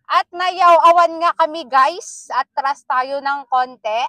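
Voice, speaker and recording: A woman's voice: high-pitched, slow, pushed and bright. A woman vlogger with an Ilocano accent, chatting playfully to the camera and teasing small children at a village gathering. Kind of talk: casual vlog chat mixing languages.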